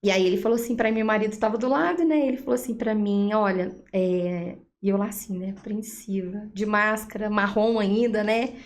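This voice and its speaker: A woman with a Brazilian Portuguese accent, a guest giving a personal faith testimony, telling her story in a lively way and acting out the dialogue she quotes. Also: medium pitch, fairly quick, few pauses. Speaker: interview guest.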